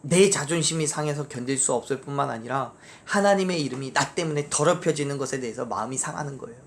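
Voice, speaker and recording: A pastor preaching a sermon in a church, leading the congregation through scripture readings and answering with amen, voice jumping high on key phrases. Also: fast talker. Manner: emphatic, pitch leaps up on key phrases then drops low. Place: church sanctuary.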